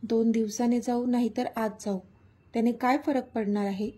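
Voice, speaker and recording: A lovestruck, teasing young hero from a romance storybook, read by a woman narrator. His lines come soft, slow and tender. The voice sits fairly high, with a warm, breathy tone. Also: fairly even intonation.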